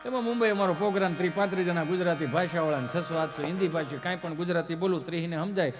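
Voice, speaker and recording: A high-pitched man tells comic stories, chatty and anecdotal. He slips into the voices of the people in his stories and now and then bursts into loud chanted verse. Faint music plays behind him. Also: racing. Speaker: folk comedian and storyteller. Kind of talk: Gujarati comic storytelling on stage.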